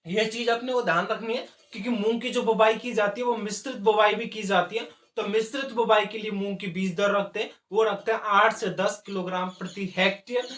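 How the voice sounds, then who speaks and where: High-voiced man teaching in an echoey room. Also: steady tone, fairly bright tone. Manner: repeats key terms slowly for note-taking. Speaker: agriculture exam teacher. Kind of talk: classroom lecture dictating notes.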